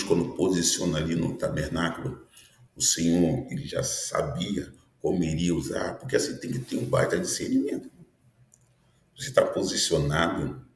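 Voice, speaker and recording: A man in his fifties, a pastor, gives an earnest prophetic sermon and often checks in with listeners using tag questions. His voice sits low, the room sounds roomy, and there's a slight hiss or hum.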